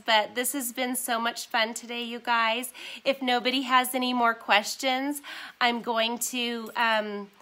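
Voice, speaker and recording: A woman's voice: fairly high pitch, sharp tone. A woman in her forties hosting her first live stream from home on a phone, chatting casually, reading comments and apologizing for her nasal, sniffly voice and her ums. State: stuffy, nasal from a sinus cold. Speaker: vintage shop owner hosting a live stream.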